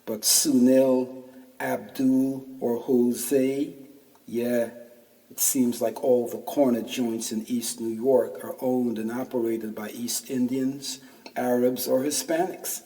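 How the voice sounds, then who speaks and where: Taking it slowly, a man in his fifties reads his own wry, street-slang-heavy first-person essay in a warm, mid-range voice with fairly even intonation. The podcast narrator is heard at a distance in a reverberant room.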